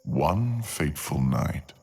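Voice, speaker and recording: A man narrates scripted fantasy in ASMR storytelling style, his voice exceptionally deep, gravelly, a little mellow, and sing-song. He takes his time, placing every phrase deliberately with dramatic pauses while faint music plays beneath.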